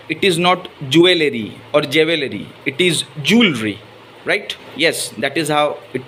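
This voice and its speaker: Slight background noise sits under this man's fairly high, rather bright voice. He's an English teacher from Odisha, India, a native Odia speaker with an Odia accent, teaching English pronunciation while blending Hindi into his English and saying "right?" again and again.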